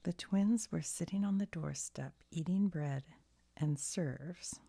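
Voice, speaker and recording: A woman whispers a bedtime story slowly, her deep, breathy, hushed half-whisper giving it a soft ASMR feel and a gentle storybook manner. The recording is dry.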